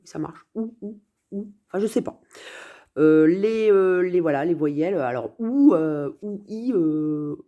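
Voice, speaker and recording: A woman's voice: mid-range voice, a little mellow. Rambling, hesitant woman talking to camera. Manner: hesitant, many fillers and restarts, musing aloud. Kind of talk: rambling casual vlog monologue.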